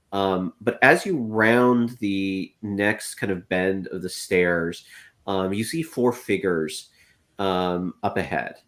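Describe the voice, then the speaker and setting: A man narrates a tabletop game as its game master, his voice sitting very low. He talks in halting bursts, often stopping and restarting. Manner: hesitant, many fillers and restarts.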